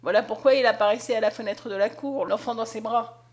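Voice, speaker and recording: A woman narrating a story aloud in a dramatic, expressive reading. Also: a little high, brisk. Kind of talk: scripted audiobook narration.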